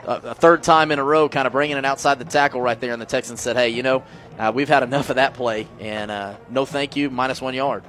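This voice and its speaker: A man's voice: mid-range voice, fairly even intonation, quick pace, fairly bright tone, a little hiss or hum. A man giving color commentary on a football broadcast, breaking down plays in a casual, filler-laden way. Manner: conversational, explains blocking schemes, many fillers.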